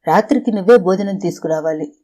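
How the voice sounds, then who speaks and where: A woman's voice: on the low side, fast, warm tone, lightly acted. A woman reading a lonely, rambling father. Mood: lonely pleading. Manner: rambling, emotional, in fits and starts. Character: lonely, talkative middle-aged father confined upstairs. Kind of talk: audiobook character reading.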